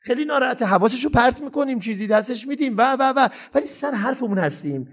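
A man's voice: very high voice, lively intonation, breathy edge. A man giving a parenting lecture to an audience, emphatic and acting out parents and children as he speaks.

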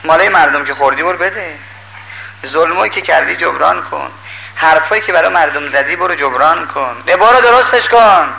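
An older man preaching a sermon in a lively, emphatic way, pleading with and scolding his listeners. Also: a little high, vocal fry, a little hiss or hum, rough recording.

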